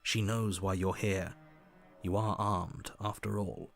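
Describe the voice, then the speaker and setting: An actor playing a stern storybook narrator in a dark fairy-tale video game, measured and ominous. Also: male voice, on the low side, little pitch movement, creaky. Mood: grave, ominous.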